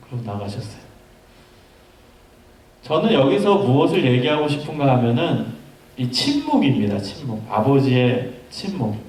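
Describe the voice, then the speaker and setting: A man's voice: mid-range voice, darkish tone. A male pastor giving a youth sermon, telling stories and asking the congregation questions. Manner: storytelling, asks the congregation questions. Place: church hall. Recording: echoey hall, voice from far off.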